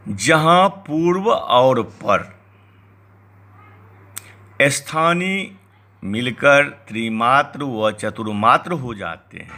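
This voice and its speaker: A male lecturer reciting Sanskrit grammar text and explaining it in Hindi, in a deliberate teaching manner. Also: medium pitch, bright, forceful tone. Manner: slow, deliberate explanatory delivery.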